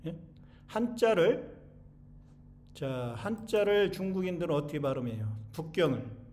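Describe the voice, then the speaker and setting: High-voiced man lecturing with rhetorical "eh?"s. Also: animated, a little slow, a little mellow, a little hiss or hum. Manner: keeps tossing in rhetorical tags like "eh?" to the audience; asks questions and answers them himself. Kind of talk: informal spoken lecture.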